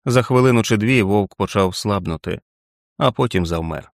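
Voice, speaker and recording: A man narrating an audiobook in a steady, dramatic reading. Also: lowish voice, moderate pace, no echo, clean studio sound.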